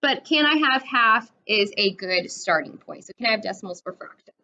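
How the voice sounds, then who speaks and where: Expressive and pushed, with a bright medium-pitched voice, a twenty-something woman explains a math lesson at a moderate pace, checking understanding with a frequent "right?". The recorded class sounds dull and lo-fi, carrying slight hiss or hum.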